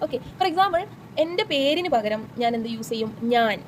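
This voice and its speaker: A woman's voice: high voice, animated, slight background noise, rough recording. A young woman teacher with a Malayali accent, explaining exam questions step by step and answering her own questions. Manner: reads the textbook text slowly and deliberately. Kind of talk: exam-prep lesson.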